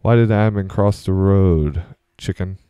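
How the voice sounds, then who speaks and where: Let's Play host, young man, deep and dry, meandering easygoing chatter. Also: moderate pace, warm tone, clean tone, no echo, muffled recording. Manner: chatty, meandering, easily distracted. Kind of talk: casual gameplay commentary.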